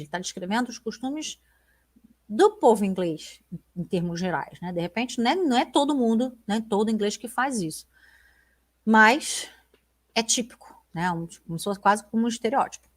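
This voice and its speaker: A Brazilian woman with a Brazilian accent teaches an exam-prep lesson. She is chatty and enthusiastic, and she slows down carefully whenever she reads English lines aloud. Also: medium pitch. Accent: Brazilian Portuguese.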